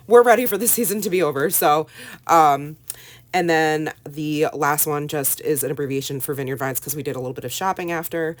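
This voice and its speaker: A middle-aged woman talks through a casual home voiceover in a very deep, low voice. She sounds sick and hoarse. Her delivery is relaxed and chatty, with plenty of "um" and "like". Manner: chatty, relaxed with many fillers. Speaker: scrapbooking vlogger.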